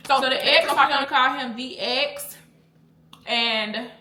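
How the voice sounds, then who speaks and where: A woman talks on in a casual storytime vlog, blunt and easily sidetracked. Her voice sits a little high and rings bright and forceful. The echoey room around her adds a roomy tail to each line. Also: fairly even intonation, measured pace. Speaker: vlogger. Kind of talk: casual storytime chat while eating.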